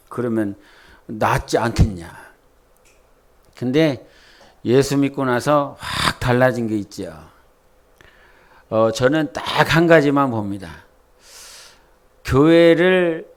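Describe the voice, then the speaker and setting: A man from preaching a sermon, talking casually and quizzing the congregation with questions. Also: medium pitch. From Jeolla, South Korea. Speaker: pastor.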